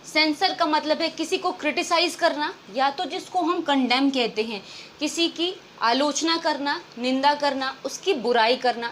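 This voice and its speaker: High-voiced woman teaching vocabulary in Hindi. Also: measured pace, fairly bright tone, a little hiss or hum. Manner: explains in Hindi mixed with English, often asks and answers her own questions. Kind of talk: exam-prep vocabulary lesson.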